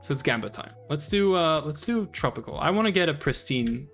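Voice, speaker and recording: A man with a Canadian accent, chatting casually while playing a game on stream and thinking out loud. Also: a little high, animated, brisk, faint music behind. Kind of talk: casual gaming commentary.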